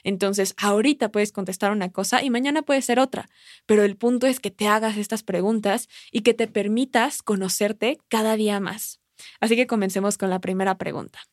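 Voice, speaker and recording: A woman's voice: mid-range voice, fairly even intonation, brisk, no echo, studio quality. A woman hosts a self-help podcast. She talks casually and puts reflective questions straight to the listener. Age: 20s. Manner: casual and conversational. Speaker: podcast host.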